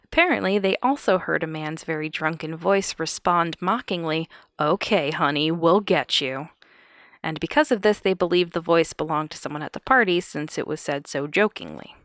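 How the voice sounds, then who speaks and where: Low-voiced woman telling a true-crime story. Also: fairly quick, few pauses, a bit bright, dry recording, clean studio sound. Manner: wry, chuckling asides. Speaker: podcast host.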